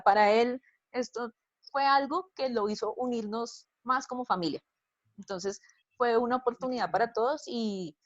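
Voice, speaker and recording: A woman's voice: a little high, muffled recording. A woman, the daughter of a cancer patient, giving an earnest, grateful personal testimony in a panel talk.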